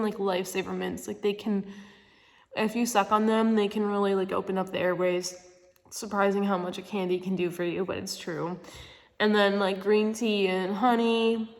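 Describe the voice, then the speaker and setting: Sounding congested and stuffy-nosed from a cold, with a cough, a young woman vlogs in an informal, rambling personal chat to camera. Her voice is mid-range, the room sounds big, and "like" comes up constantly.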